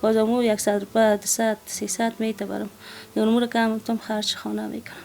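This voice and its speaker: A woman's voice: on the high side, level tone, creaky, a little mellow, slight background noise. A woman, a widowed mother of four describing her family's hardships in a strained, plaintive way.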